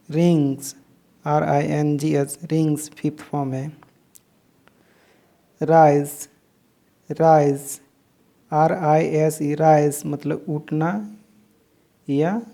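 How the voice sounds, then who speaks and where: A woman's voice: low voice, steady tone, slow, gravelly, pauses often, mellow. A woman teaching English verb forms, spelling out each word letter by letter and repeating it. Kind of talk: slow spelling-out lesson.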